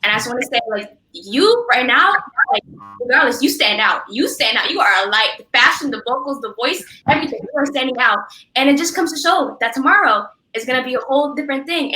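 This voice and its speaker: A woman, not a native English speaker, with a slightly high, very bright voice. She chats as an interview host, emphatic and effusive, and the sound is noticeably roomy. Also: expressive, quick pace. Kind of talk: casual interview chat. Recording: roomy echo, faint noise.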